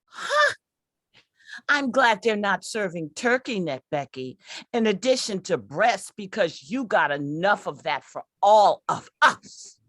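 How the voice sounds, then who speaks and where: In an old-time radio comedy, a woman plays a sneaky, catty old lady with an exaggerated, very animated full character voice that swoops widely at a slowish pace. Medium in pitch and fairly bright, it's recorded close and dry with no echo.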